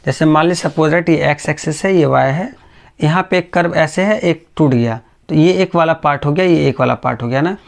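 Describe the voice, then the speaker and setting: A male physics teacher giving a patient, slow classroom lecture, often stopping to check that students follow. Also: a little high, gravelly. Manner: speaks slowly on purpose.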